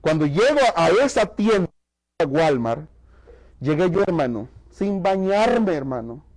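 A man's voice: fairly high pitch, sing-song, a little slow, darkish tone, low-quality recording. A man from Mexico preaching to a church congregation, giving an emphatic testimony and calling the listeners brother. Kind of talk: sermon testimony.

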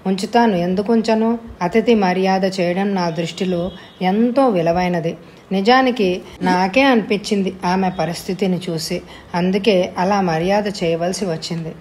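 A woman's voice: medium pitch, normal speed, darkish tone, a little hiss or hum, close to an everyday voice. A woman reading a storybook, voicing a courteous young woman who speaks earnestly and politely. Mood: indignant. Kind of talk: audiobook character voice.

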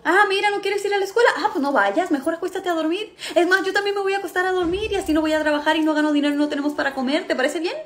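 A woman's voice: very high-pitched, racing, few pauses, fairly bright tone. A woman acting out a sarcastic mother who lectures her child in a comedy sketch. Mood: mock agreeable. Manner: sarcastic, scolding.

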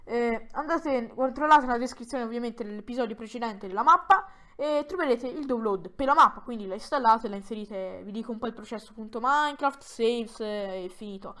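A woman commenting on her own Minecraft play for viewers, excitable and given to dramatic exclamations while talking straight to the audience. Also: a little high. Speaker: gaming YouTuber.

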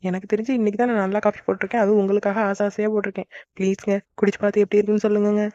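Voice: medium pitch, flat delivery, very fast, mellow, no room sound, dull audio, lightly acted. A voice actor playing a sweet young wife in a cartoon who pleads eagerly with her husband. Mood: sweet, pleading. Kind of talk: cartoon voice acting.

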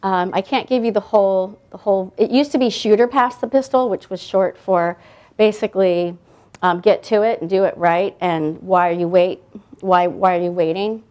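A woman's voice: mid-range voice, moderate pace, a little mellow. Woman, 30s, guest author, casual and rambling, library event. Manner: rambling, many fillers and restarts. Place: library event room, indoors.

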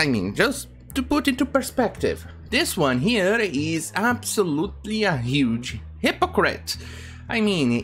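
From a home room lined with bookshelves, a man in his thirties who isn't a native English speaker hosts a commentary video. He sounds indignant and rambles with many fillers, and his voice sits high with a slightly bright quality.

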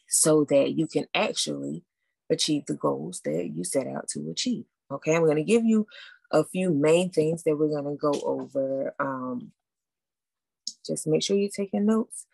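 A woman's voice: low voice, gravelly, a little mellow, dry recording. A woman coach hosting a live online masterclass, talking casually and upbeat and checking in with listeners with a frequent "okay?". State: out of breath after running upstairs.

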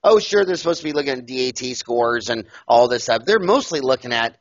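An older man and dentist, talking loudly and emphatically, telling stories in an animated interview over a headset mic on a video call. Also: mid-range voice, a little fast, no echo. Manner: loud, emphatic, storytelling. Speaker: dentist and podcast guest. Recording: dull, lo-fi call audio.

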